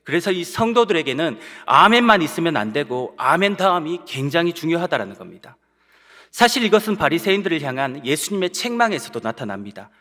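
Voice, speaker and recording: Male pastor, fairly high and very animated delivery, earnest sermon voice with long church reverb. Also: brisk. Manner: earnest, asks the congregation rhetorical questions. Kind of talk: Sunday sermon. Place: church sanctuary.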